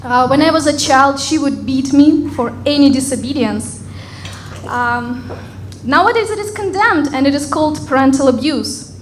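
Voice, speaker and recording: A woman from Russia with a Russian accent doing a deadpan stand-up set on a comedy club stage. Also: high-pitched, normal speed. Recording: loud crowd and room noise in a club. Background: audience laughter.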